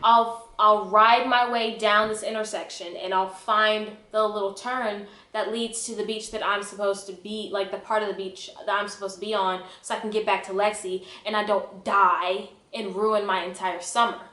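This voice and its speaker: A young woman tells a personal story to camera in a casual vlog style, dramatic, emphatic and self-mocking. Her mid-range voice is bright and forceful yet level in tone, moving at a moderate pace with hardly any pauses, and the sound is echoey and roomy.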